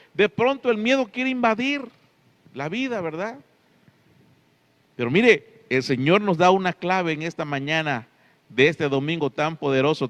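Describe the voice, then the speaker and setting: A man's voice: a little high, fairly bright tone. A man preaching a Sunday sermon as pastor, stressing key words and often asking his listeners "right?". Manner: emphatic, drawing out key words, frequent tag questions.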